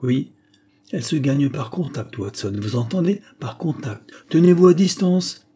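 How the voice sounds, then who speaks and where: A man reading an audiobook, voicing a gravely ill male detective who speaks weakly and short of breath yet in a sharp, commanding way. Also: mid-range voice, lively intonation, measured pace. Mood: fierce. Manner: commanding, sharp, abrupt outbursts.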